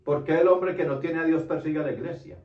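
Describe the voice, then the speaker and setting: A man's voice: a little high, fast talker. A man preaching a Bible study sermon, earnest, often repeating himself and checking in with his listeners. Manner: earnest, repeats phrases, tag question "¿cierto?". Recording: roomy, distant, dull lo-fi sound.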